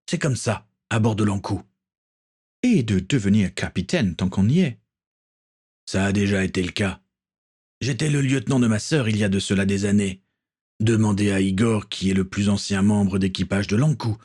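A man voicing a stern ship captain in a storybook reading, measured and commanding, with a husky voice. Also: on the low side, darkish tone.

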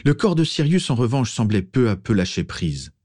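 A man narrating a story as an audiobook, steady and expressive. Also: mid-range voice, moderate pace, no echo, studio quality.

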